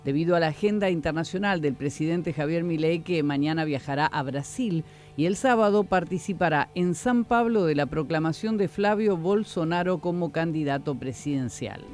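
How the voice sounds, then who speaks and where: A man reading radio news bulletins in a steady, formal manner. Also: fairly high pitch. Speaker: newsreader.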